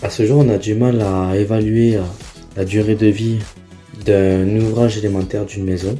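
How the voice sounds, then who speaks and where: A young man with a very dark, mellow voice describes a student project plainly, with a few hesitations. He speaks low and flat, with light music underneath. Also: moderate pace. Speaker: student presenter. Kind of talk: project presentation.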